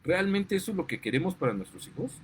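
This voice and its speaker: A man's voice: high-pitched, sing-song, fast talker, husky. Indignant Mexican man ranting. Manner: indignant, gets worked up, apologizes for outbursts. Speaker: parent and commentator. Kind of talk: impassioned monologue.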